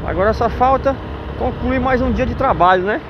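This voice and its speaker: A very high-pitched man from northeastern Brazil speaks at a moderate pace while vlogging from his motorcycle through city streets. He narrates casually in an upbeat, joking way. The lo-fi recording sounds dull, with faint street noise behind him.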